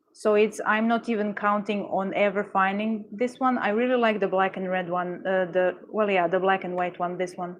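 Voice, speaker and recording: A woman's voice: medium pitch, slight background noise. A young adult woman livestreaming, chatting casually with her viewers in a gushing, exclamatory way, often stumbling and restarting her words. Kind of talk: casual chat with live viewers.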